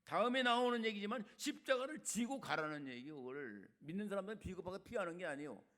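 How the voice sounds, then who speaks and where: Very animated and quick, this older man's high-pitched voice carries a sermon he preaches as a retired senior pastor. His style is chatty and colloquial, veering between loud, emphatic lines and quiet asides.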